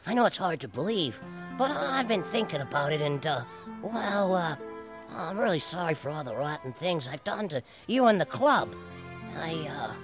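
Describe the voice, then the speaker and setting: Nervous bully kid in a radio play, stammering, pitch swinging up and down. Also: male voice, very animated, normal speed, over music. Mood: sheepish. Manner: hesitant, stammering with many fillers. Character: awkward would-be reformed bully boy.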